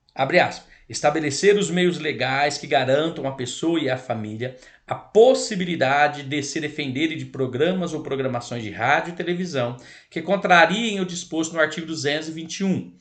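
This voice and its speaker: A man's voice: on the high side, fairly bright tone. A man with a Brazilian accent giving an online law lesson, explanatory and self-correcting, his throat scratchy and irritated. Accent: Brazilian Portuguese. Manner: explanatory, repeats and corrects himself, addresses "pessoal". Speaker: lecturer on child protection law.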